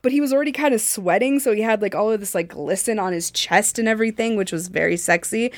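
A young adult woman co-hosting a podcast, telling a candid personal story in an animated way, full of "like" fillers and swearing. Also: medium pitch, quick pace, no room sound. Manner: frank and animated, with frequent "like" fillers and profanity. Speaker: podcast co-host.

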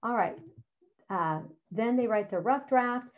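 A middle-aged woman speaks unhurriedly in a slightly high voice, presenting a writing curriculum by walking other teachers through a lesson. She's practical and chatty, often dropping in "all right" and "okay," and the audio has a slightly dull, lo-fi sound.

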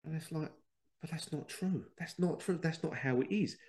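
Speaking on the high side at a moderate pace, a podcast host with a darkish, congested voice from a head cold delivers a rambling spiritual monologue. He often dramatizes quoted dialogue as he goes.

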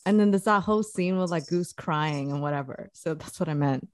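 A woman's voice: low voice, brisk, a little mellow, no room sound. A woman hosting a podcast in a teasing, casual way, often laughing. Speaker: podcast host.

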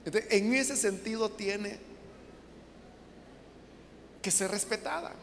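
A woman preacher delivers a sermon in an emphatic, questioning way. Her voice sits at a middle pitch. It carries a long reverb from a large hall over faint background noise. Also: takes it slowly. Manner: emphatic, rhetorical questions, acts out quoted voices.

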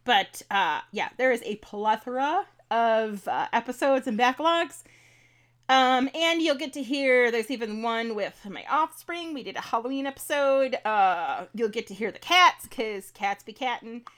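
A woman's voice: on the high side, unhurried, fairly bright tone. A woman co-hosting a podcast in casual chat, bubbly, laughing often and swearing freely. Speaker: podcast co-host.

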